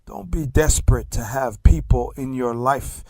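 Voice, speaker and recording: Speaking slowly and with emphasis, a native Tongan speaker raised in Tonga presents a talk show as a success coach, pausing dramatically and sinking into soft near-whispers during his motivational monologue. His mid-range voice is gravelly, and the studio-quality audio has no room sound.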